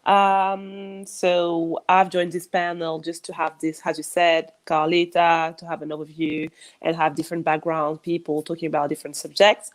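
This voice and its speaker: A woman from Senegal in her thirties, speaking on a video call panel in a thoughtful, measured way. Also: low voice, level tone. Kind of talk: casual panel discussion.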